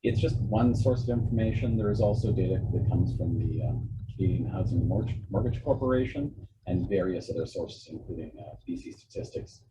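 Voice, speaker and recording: Brief: deep-voiced male staffer dialed in remotely, sound muffled and tunnel-like, steady hiss behind him. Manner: measured, with frequent fillers and restarts. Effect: muffled remote line, sounds like in a tunnel. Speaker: municipal staff member. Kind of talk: formal council report. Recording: muffled lo-fi remote call with background noise.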